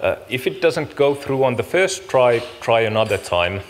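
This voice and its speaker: A man's voice: mid-range voice, big pitch swings, moderate pace. A man opening a conference as its organiser, giving informal practical announcements in a casual, apologetic, somewhat hesitant way. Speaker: event organiser and host opening a summit. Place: large conference room, speaking to an audience. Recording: echoey hall with clear background noise.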